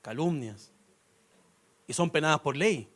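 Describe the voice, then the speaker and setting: A man's voice: fairly high pitch, lively intonation, measured pace, fairly bright tone. A young man preaching a sermon in a conversational way, with humor and rhetorical questions. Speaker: pastor.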